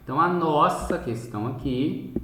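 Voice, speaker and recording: A man's voice: on the high side, expressive, normal speed, reverberant, background noise. A man teaching in a recorded video lesson, working through exercises step by step and often checking in with his viewers. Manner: explanatory, repeats "tá?" and "gente" to check in.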